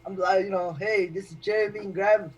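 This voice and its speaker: A man's voice: high voice, fairly even intonation, quick pace, slightly rough, highs cut off. A man on a casual stock-market live stream who explains things step by step.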